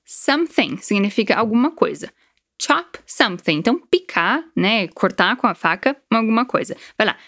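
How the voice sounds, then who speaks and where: A woman's voice: medium pitch, big pitch swings, normal speed, hardly any pauses, fairly bright tone, no room sound, studio quality. A woman from Brazil giving a chatty, encouraging English lesson and explaining the words. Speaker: English teacher. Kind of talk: language lesson.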